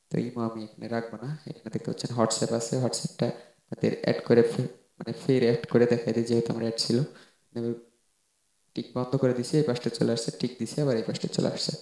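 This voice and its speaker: In a roomy, echoing voice-over, a man with a warm, medium-pitched voice narrates an informal how-to tutorial. As a tech tutorial host, he walks through each step and often repeats himself.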